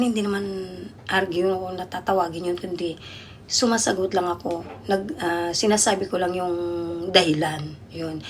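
A woman's voice: on the low side, slight background noise. A woman from the Philippines who works abroad as a domestic worker, chatting casually to her viewers and rambling with many fillers and restarts. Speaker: overseas domestic worker vlogger.

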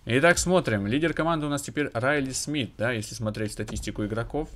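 Talking fast in a mid-range voice, a man narrates his own hockey gameplay in a relaxed, conversational style, adding analytical remarks for his viewers.

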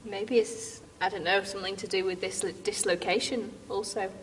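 A woman in her thirties from the United Kingdom, a dance artist answering interview questions thoughtfully, with many pauses and restarts. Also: medium pitch, steady tone, in a large hall, a little hiss or hum. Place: large dance studio, indoors.

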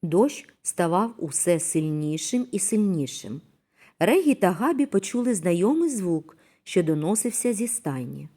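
A woman narrating a children's story in a gentle, expressive reading voice. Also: lowish voice, unhurried.

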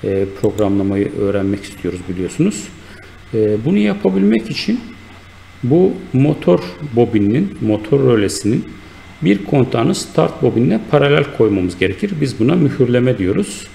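A man teaching a software tutorial, talking in an unhurried, explanatory way with many fillers and self-corrections while he works at a computer. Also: medium pitch, sing-song, creaky, a little hiss or hum. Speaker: instructor. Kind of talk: screen-recorded software tutorial.

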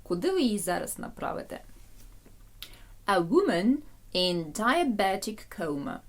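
Woman teacher, animated pitch, explains English medical words, stresses syllables. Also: a little slow. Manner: explains each English word in Ukrainian, stressing pronunciation; lively, sing-song intonation on the English terms. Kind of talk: recorded lecture.

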